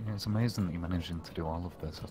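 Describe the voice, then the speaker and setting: Very deep-voiced man in banter. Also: fairly even intonation, racing, noisy background. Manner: joking, teasing banter. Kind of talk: casual stream chat.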